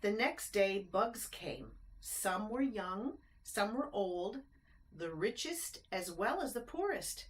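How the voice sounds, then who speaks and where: In a mid-range voice, a woman gives an expressive reading of a rhyming picture book to kids, pausing for friendly explanations and simple questions to the audience. There is slight background noise.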